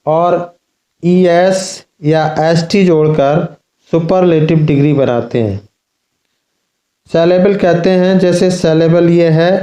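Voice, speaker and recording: Male grammar teacher, slow careful explaining, fairly high voice, echoey room. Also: mellow. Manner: slow, repetitive explaining, addressing children. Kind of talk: classroom lesson.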